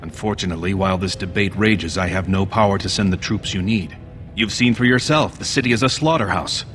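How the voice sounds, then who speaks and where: An actor playing a proud, formal dwarf prince with a measured, regal manner in a fantasy game. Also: male voice, deep voice, fairly bright tone. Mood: grave. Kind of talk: fantasy video game acting. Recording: game music behind dialogue.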